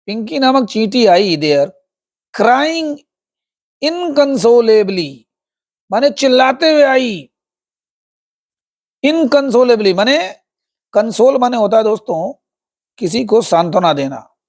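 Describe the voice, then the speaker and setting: A man's voice: very high voice, animated, slow pace, pauses often, darkish tone. A man teaching English through a story. He explains each word and meaning, repeats himself, and addresses viewers as friends. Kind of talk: Hindi-medium English lesson explaining a story.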